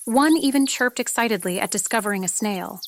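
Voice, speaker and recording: An audiobook reader narrates a scripted fantasy story in a fairly high-pitched voice, speaking fairly quickly. Noticeable background noise runs underneath, with clicks and insect-like sounds.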